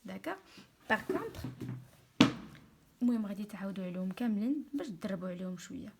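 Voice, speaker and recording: A woman's voice: medium pitch, expressive, fast talker, gravelly, very noisy. A woman with a Moroccan accent, a primary school teacher giving an online lesson. She explains step by step, switches often into French and keeps checking that the pupils follow. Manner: explains step by step, often asking "c'est clair?" and mixing in French.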